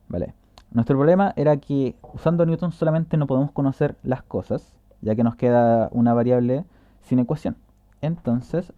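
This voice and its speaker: A man's voice: medium pitch, phone-quality sound. A man explaining a tutorial in a casual way, walking through a drawing step by step and correcting himself as he goes.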